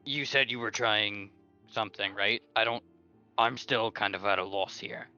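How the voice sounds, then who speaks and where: Blunt, bright-voiced man on a dull mic. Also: fairly low pitch, normal speed, clear, resonant tone, soft background music. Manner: blunt, matter-of-fact requests. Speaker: tabletop game player. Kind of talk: casual chat at a game table.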